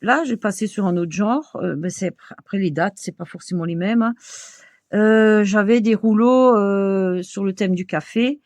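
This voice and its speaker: An older woman with a clear Alsatian French accent talks in a relaxed, homely way, full of little fillers and soft laughs. Her voice sits at an ordinary middle pitch. The sound is dry and close, with no room echo. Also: unhurried. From Alsace, France. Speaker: craft vlogger. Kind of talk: casual show-and-tell chat.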